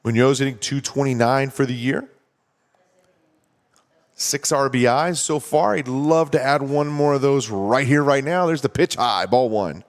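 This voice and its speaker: A man calling a baseball game play-by-play, talking steadily and conversationally and explaining strategy between pitches. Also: a little slow. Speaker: play-by-play announcer. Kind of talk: baseball commentary.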